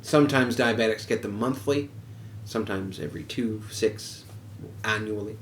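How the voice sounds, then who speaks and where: With a lowish voice at a normal pace, this male podcast host shares a personal anecdote in a relaxed, blunt way, cursing without restraint. There's a roomy echo and some faint noise in the background.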